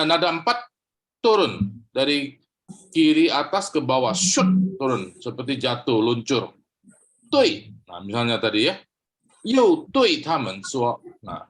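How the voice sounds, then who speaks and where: A man leads an online reading class at a middle pitch. He corrects each reader patiently and sings out the tones himself over a video call. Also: fairly bright tone. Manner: patient, demonstrates tones aloud. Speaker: Chinese reading teacher.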